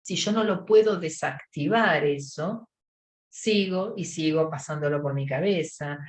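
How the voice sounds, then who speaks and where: Woman with a Rioplatense accent, lower voice, giving a lively lecture that acts out everyday scenes, recorded in an echoey room. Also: a little slow. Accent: Rioplatense Spanish. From Argentina. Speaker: psychologist lecturer. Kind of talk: lecture to professionals.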